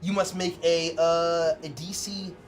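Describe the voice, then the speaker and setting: A man's voice: fairly high pitch, flat delivery, measured pace. A man at a tabletop game, casually calling out rules and rolls as he takes his turn. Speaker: tabletop game player running a creature's turn. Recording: music behind the voice.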